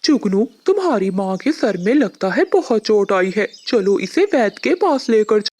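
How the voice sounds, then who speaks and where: A woman's voice: medium pitch, big pitch swings, normal speed, a little mellow. A woman voicing a mild, placating male crow husband in a cartoon.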